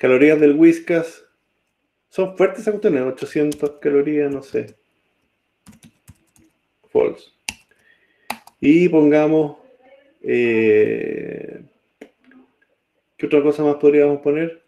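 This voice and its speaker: A man teaches a coding lesson at an unhurried, drawn-out pace. His voice sits a little high for a man but sounds soft and mellow. Keyboard clicks come through as he types and keeps checking in with his class. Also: very animated, creaky, muffled recording. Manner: slow, checks in often with students. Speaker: programming teacher.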